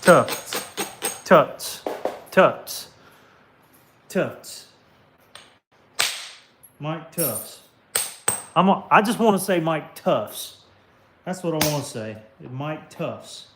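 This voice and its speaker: A man's voice: fairly high pitch, animated, very slow, pauses often. Southern American man, casual live-stream host, chatty and easygoing, heavy knocking noise in the background. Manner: chatty, talks to viewers by name while working. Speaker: livestream host. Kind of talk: casual live-stream chat while flintknapping. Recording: clicks and knocking of stone work.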